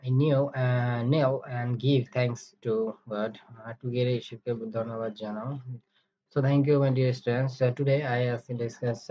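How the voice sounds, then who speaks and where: Slow, flat-voiced man teaching phrases. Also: mid-range voice, dull audio. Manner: reads an English phrase slowly, then its translation quickly. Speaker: English teacher. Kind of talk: phrase-by-phrase language lesson.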